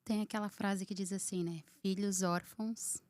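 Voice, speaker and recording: A woman's voice: medium pitch, steady tone, normal speed, a little mellow, slight background noise. A woman hosting a podcast interview, adding reflective comments on her guest's story. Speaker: podcast host. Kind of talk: casual conversational interview.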